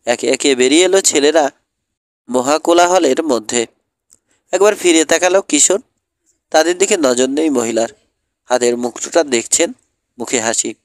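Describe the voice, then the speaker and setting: A man narrating an audiobook in a steady storytelling manner. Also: on the high side, normal speed, long pauses, no echo, studio quality. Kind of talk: scripted narration.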